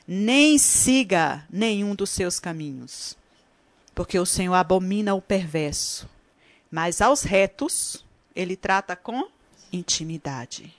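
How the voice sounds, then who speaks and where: A woman's voice: fairly low pitch, expressive, no echo. Fervent woman preacher, dry close sound. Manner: fervent, stretches key words slowly then rushes; addresses listeners as sisters. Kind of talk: sermon with prayer and tongues.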